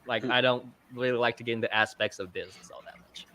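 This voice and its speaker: Talking fast in a bright, forceful mid-range voice with fairly even intonation, a man guests on a livestream interview about his filming work as a fish channel videographer. He's casual, full of fillers and self-deprecating jokes, heard dry through a video call mic.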